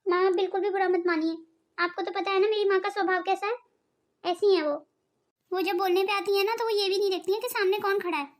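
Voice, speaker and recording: A devoted young daughter-in-law in a cartoon family drama, voiced by a woman. She speaks in a very high, thin voice. Her manner is pleading and emotional. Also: fairly even intonation, quick pace. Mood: soothing. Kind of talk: cartoon voice acting.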